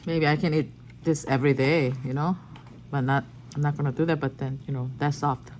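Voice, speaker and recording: Casting: woman mukbang host, lower-pitched voice, brief casual remarks between noisy mouthfuls, background noise. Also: fairly even intonation, fairly quick, a little mellow. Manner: speaks in short, fragmentary remarks. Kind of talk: mukbang, casual chat while eating.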